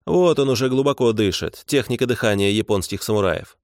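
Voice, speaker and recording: A man's voice: medium pitch, fairly quick, dry recording, clean studio sound, close to an everyday voice. A man voicing a folksy middle-aged police sergeant, sing-song and soothing.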